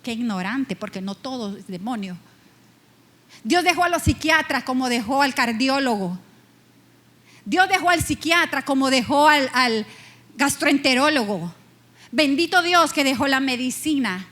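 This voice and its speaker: A middle-aged woman pastor preaching a personal testimony, emotional and earnest, slowing down for emphasis. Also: high voice, expressive, a bit bright. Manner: emotional, personal storytelling with slow emphatic pauses. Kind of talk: sermon testimony.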